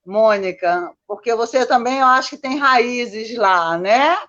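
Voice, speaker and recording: Speaking a little slowly in a fairly high, bright voice, this guest, who lives in Copacabana, tells personal stories in a chatty way, always checking for agreement with tag questions. She's Brazilian, born in Manaus, and spent most of her life in Minas Gerais. The audio sounds dull.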